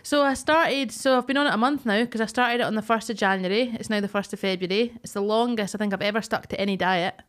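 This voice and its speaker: A Scottish woman in relaxed conversation as a comedian. She speaks frankly and colloquially, at an average female pitch. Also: fast talker, hardly any pauses. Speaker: stand-up comedian. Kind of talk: casual chat.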